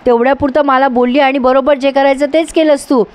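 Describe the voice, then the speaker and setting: A woman's voice: high-pitched, fairly even intonation, a little fast, slight background noise, close to an everyday voice. A woman voicing a spoiled, jealous young daughter who whines and scolds insistently. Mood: angry.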